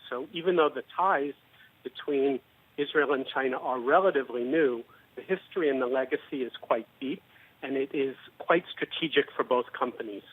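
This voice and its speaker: A man being interviewed as a guest analyst on a business news show, explaining at a measured pace with some fillers. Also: medium pitch. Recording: tinny phone-line audio.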